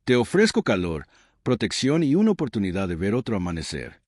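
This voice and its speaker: A stern widow of the tribe, proud and commanding, voiced by a male narrator. She speaks slowly and gravely, each word weighed like a verdict. The storybook reading is dry and close, with a lively rise and fall. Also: lowish voice, no room sound. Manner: slow, grave, measured.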